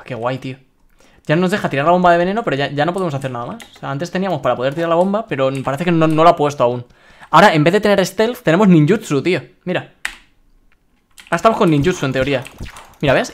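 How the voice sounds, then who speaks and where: A young man from Spain chatting excitedly while streaming a game and reading his chat aloud. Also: a little high, fast talker. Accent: Spain Spanish. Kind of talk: live-streamed gameplay commentary.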